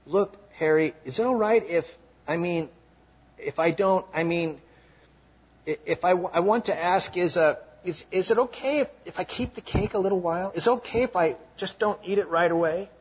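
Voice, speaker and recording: A man's voice: high voice, moderate pace, husky, voice pushed up. A man voicing a lonely woman turning thirty-nine who pleads and stammers. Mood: hesitant. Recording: dull lo-fi recording.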